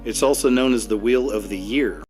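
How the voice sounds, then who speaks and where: A man's voice: mid-range voice, normal speed, darkish tone. A man delivering scripted commentary as a narrator. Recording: music under the voice.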